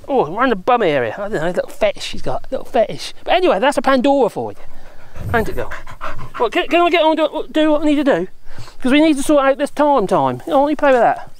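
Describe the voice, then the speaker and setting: Lively, jokey woman gardening outdoors. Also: high voice, quick pace. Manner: chatty and jokey, chatting to her dog. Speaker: gardening vlogger. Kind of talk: casual gardening walkthrough.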